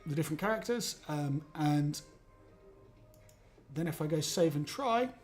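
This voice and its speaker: Easygoing man explaining software. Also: on the high side, expressive, measured pace, soft background music. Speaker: guest presenting software. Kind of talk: casual livestream product demo.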